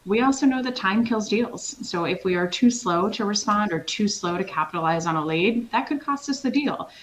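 A middle-aged woman from Switzerland, a consultancy founder answering interview questions in an energetic, emphatic way and laughing easily. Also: mid-range voice, normal speed, slight background noise, rough recording. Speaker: sales consultancy founder, guest.

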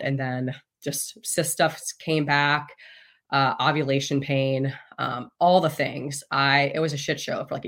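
Candid, foul-mouthed woman in her thirties. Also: very deep voice. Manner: candid, swears freely, laughs often. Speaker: podcast guest. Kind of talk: casual interview storytelling.

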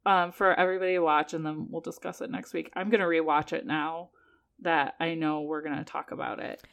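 A woman's voice: deep voice, little pitch movement, brisk, vocal fry. A woman co-hosting a podcast in casual chat, telling things in an informal, jokey, rambling way. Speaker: podcast co-host.

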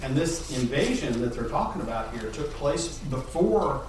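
Lively class member, far off and echoey. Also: mid-range voice, normal speed. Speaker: Bible study participant. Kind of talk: reading scripture and asking questions in class. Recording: noisy, echoey audio from far off.

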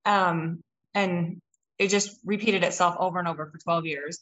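A woman's voice: on the low side, fairly even intonation, normal speed, a bit bright, low-quality recording. A woman from Utah, a podcast guest, telling her own story in a candid, reflective way with frequent ums. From Utah, United States. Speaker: interview guest. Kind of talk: personal storytelling in an interview.

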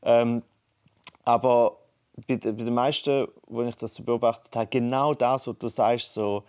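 A man's voice: medium pitch, fairly even intonation, normal speed, a little mellow. Man musing over a phone line. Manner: thinks aloud, many restarts and fillers. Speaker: podcast co-host. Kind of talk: casual conversation. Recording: phone call.

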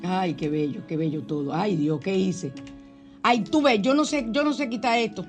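A woman's voice: medium pitch, moderate pace. Older woman, affectionate radio host, gushing and chatty, light music bed. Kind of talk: spiritual radio call-in show.

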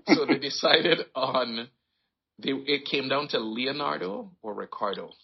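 A man raised in Trinidad and Tobago, telling his life story in a relaxed, rambling way as an interview guest. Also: mid-range voice, slow pace, creaky, husky, highs cut off. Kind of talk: casual conversation.

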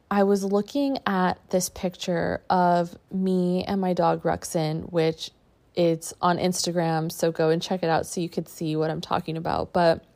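A woman podcast host and coach giving a reflective personal monologue in short, halting phrases. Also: fairly low pitch, darkish tone.

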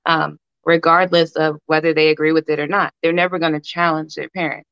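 A woman in casual discussion, explaining her points in a measured, conversational way. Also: low voice, little pitch movement, a bit bright, clear, resonant tone. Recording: echoey room, slightly muffled sound.

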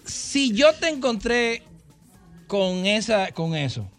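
A man's voice: sits high, very animated, slow pace, fairly bright tone, faint music behind. A middle-aged man, joking and self-deprecating as a radio guest.

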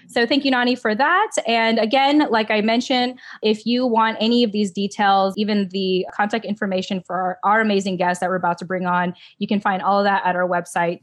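Woman co-host, bubbly and chatty, laughs easily, casual podcast talk over a video call. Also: medium pitch. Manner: bubbly, laughs often, uses "like" a lot. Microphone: remote video call.

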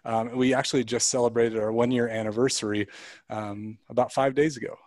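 Male guest, mid-pitched, earnest and reflective storyteller, close dry sound. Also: flat delivery, brisk, a little mellow, no room sound. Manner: earnest, reflective, many likes and restarts. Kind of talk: personal storytelling in a conversation.

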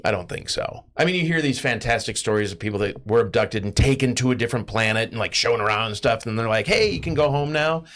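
A man in a casual group podcast chat, playful and quick to laugh. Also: mid-range voice, expressive, a bit bright. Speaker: podcast co-host.

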